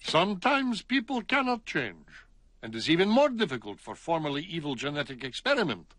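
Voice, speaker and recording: A bulky alien mad scientist speaks broken grammar in a thick foreign-sounding voice. His pitch rolls up and down, and the sound is dry and close. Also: sing-song, a little fast, a bit bright, no room sound. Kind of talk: cartoon voice acting.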